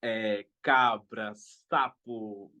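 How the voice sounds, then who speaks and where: A man's voice: fairly low pitch, steady tone, very slow, muffled recording. A young man, a father, speaking in a casual interview in a hesitant, thoughtful way with frequent restarts.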